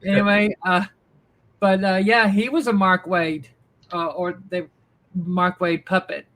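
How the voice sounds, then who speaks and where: A woman with a bright, forceful voice in a casual chat as a ventriloquist guest. Her delivery is informal and halting, pieced together in short bits. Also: lowish voice, steady tone.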